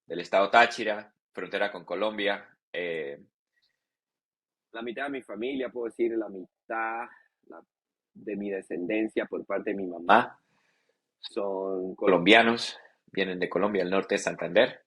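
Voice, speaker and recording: A man, a cycling guest in a casual podcast interview, relaxed and joking, halting with many fillers. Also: fairly low pitch, breathy edge. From Venezuela.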